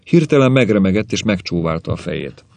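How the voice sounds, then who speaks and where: A man narrating an audiobook in a measured, wry storytelling manner. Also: low voice, lively intonation, creaky, darkish tone, dry recording.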